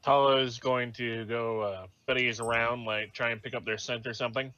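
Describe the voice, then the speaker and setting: A man's voice: mid-range voice, steady tone, moderate pace, pushed and bright, slight background noise. A man playing a tabletop game, speaking tentatively and unsure, on a muffled lo-fi mic. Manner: tentative, uncertain phrasing. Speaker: player. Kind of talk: casual tabletop role-play.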